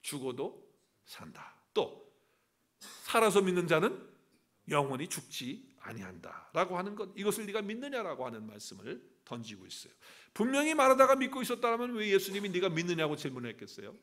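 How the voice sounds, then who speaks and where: A man preaching in a church, his voice a little higher than most and swinging widely as he tells the story. He keeps asking the congregation questions and answering them himself, in an animated preaching manner. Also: a little fast. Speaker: pastor. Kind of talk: sermon.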